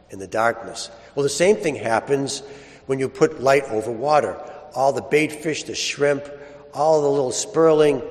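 A priest speaks at a middle pitch in a large church, his voice trailing off in a long cathedral echo. He reads scripture and then preaches, slow and measured, letting each phrase settle as it ends. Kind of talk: liturgical gospel reading and homily.

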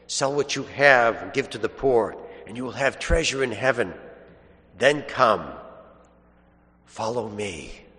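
A man reads scripture in a formal, solemn liturgical style. His mid-pitched voice moves slowly and deliberately. It rings out with a long cathedral echo in a large church. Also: fairly bright tone. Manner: measured, formal, deliberate phrasing. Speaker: clergyman reading the Gospel at a church service.

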